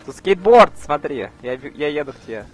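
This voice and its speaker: A young man in casual gaming chat, slightly high in pitch. He is playful, often exclaims and trips over his words as he goes. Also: sing-song, brisk, faint music behind, low-quality recording. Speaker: gamer in co-op let's play.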